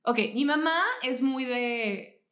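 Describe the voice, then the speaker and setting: A woman's voice: sits high, takes it slowly. A young Mexican woman co-hosting a podcast, telling childhood stories in casual chat, full of slang and swearing, with bits of English mixed in. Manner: slangy, swears a lot, mixes in English, animated storytelling. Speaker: podcast co-host. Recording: echoey room.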